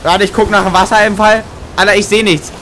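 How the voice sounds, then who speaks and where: A young man streaming a multiplayer game, chattering excitedly and urgently and often repeating his phrases. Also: high-pitched, brisk, a little hiss or hum. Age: young adult. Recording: game sound behind the voice.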